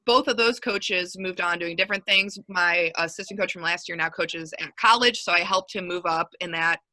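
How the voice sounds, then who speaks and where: A woman's voice: on the low side, normal speed, bright, forceful tone, no room sound, low-quality recording. A young woman in her twenties, a basketball coach, talking casually and upbeat in an interview, rambling with lots of fillers.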